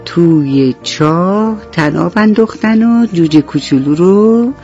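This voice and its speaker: A woman narrating a bedtime story on the radio, speaking gently and turning to the children listening. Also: fairly low pitch, animated, soft background music. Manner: gentle, addresses children directly. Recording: dull dry radio studio sound.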